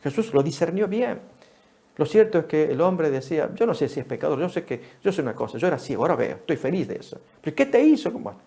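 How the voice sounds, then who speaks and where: A male preacher with a gravelly, dark-toned voice delivers an animated Bible study sermon. He calls out to his listeners as friends and leaps up in pitch when he quotes a speaker. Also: fast. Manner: animated, rises sharply for quoted speech, addresses listeners as friends.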